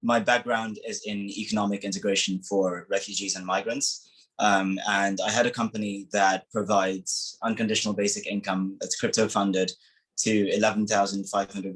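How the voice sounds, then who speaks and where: Ghanaian guy on a video panel, low husky voice, pretty flat, formal and measured. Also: low-quality recording. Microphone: video call.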